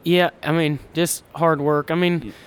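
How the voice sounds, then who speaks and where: On a podcast, a twenty-something man from Kansas who owns a hunting ranch talks casually, rambling, poking fun at himself and restarting a lot. His high voice is clean and level, and he takes his time.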